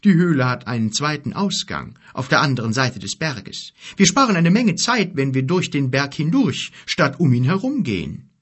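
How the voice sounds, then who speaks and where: Giant, male, quarrelsome, loud and high-pitched, played by a man, husky. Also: sing-song, normal speed, few pauses. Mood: gruff, combative. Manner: threatening, combative, loud.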